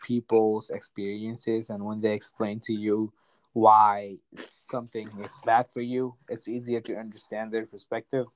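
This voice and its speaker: A man's voice: fairly low pitch, level tone, a little slow, no room sound, poor audio. Drunk, swearing twenty-one-year-old man. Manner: loud laughter, heavy swearing, rambling. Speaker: podcast host. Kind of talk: casual chat on a call.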